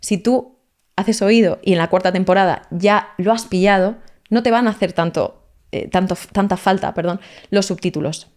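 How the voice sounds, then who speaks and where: A woman speaks in a podcast interview as a language teacher. She explains at length and with energy, dropping English words into her sentences. Her voice sits at an ordinary middle pitch. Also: normal speed, darkish tone. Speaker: language teacher, guest expert.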